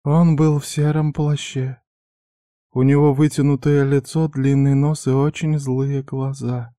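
A man voicing a frightened young waitress who answers quietly and timidly. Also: mid-range voice, flat delivery, unhurried, no echo, clean studio sound, voice pushed up, lightly acted. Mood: timid hushed. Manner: quiet, barely audible. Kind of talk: audiobook character voice.

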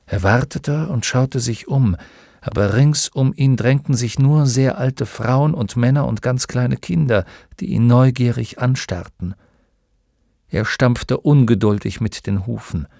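A male audiobook narrator tells the story in a measured, vivid way, his mid-pitched voice carrying a gravelly texture. The sound is dry and close, with no room around it. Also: mellow, no echo.

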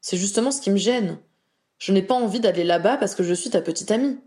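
A woman's voice: mid-range voice, fast talker, dark tone, lightly acted. A woman voicing a proud, anxious young witch who talks in an earnest, pleading way.

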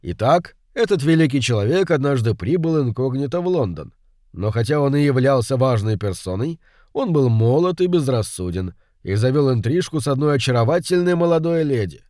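A man voicing a shrewd older male detective who speaks calmly and with quiet irony in an audiobook. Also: mid-range voice, no room sound, clean studio sound, lightly acted. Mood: storytelling. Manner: calm, measured, quietly ironic. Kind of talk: audiobook reading.

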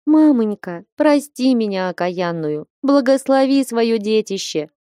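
A woman's voice: a little high, expressive, measured pace, mellow, smooth, no room sound, clean studio sound, voice pushed up. A woman voicing a young peasant daughter who begs tearfully in a storybook reading. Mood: pleading. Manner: tearful pleading.

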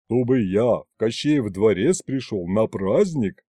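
A man doing a gruff bass Grandfather Frost. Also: lively intonation, warm tone, dry recording, studio quality. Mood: grumbling. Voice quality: deep bass. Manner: grumbling, weary, slow. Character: gruff old grandfather Winter spirit, deep bass.

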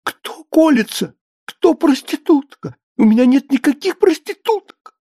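A man's voice: lively intonation, measured pace, mellow, no room sound, clean studio sound. A man reading an audiobook and voicing a timid, touchy male writer who protests in a thin, whiny voice. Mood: indignant. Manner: shrill and indignant, whiny. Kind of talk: audiobook character voice.

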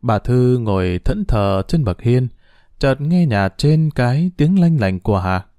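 A man narrating a family drama in an expressive, dramatic storytelling manner. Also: medium pitch, measured pace, no echo, studio quality.

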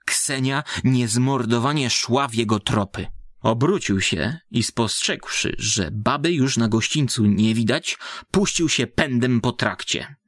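A man narrating a literary story at an unhurried pace, measured and dramatic. His voice is of middle pitch, recorded close and dry with no room sound. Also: fairly bright tone, no room sound. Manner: measured and dramatic, voicing characters.

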